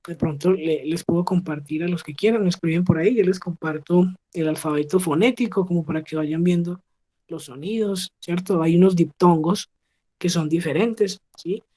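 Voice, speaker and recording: A woman's voice: lowish voice, normal speed, warm tone. Patient woman teaching on a video call. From Colombia. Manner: patient, checks understanding with frequent "¿sí?". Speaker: English teacher. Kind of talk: online class explaining pronunciation.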